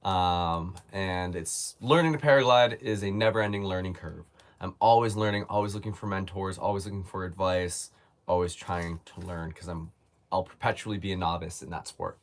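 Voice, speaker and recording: A man with a lowish voice answers viewer questions in a relaxed live chat. He speaks easygoing and reflective, sometimes restarting a phrase as he thinks. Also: moderate pace. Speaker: host.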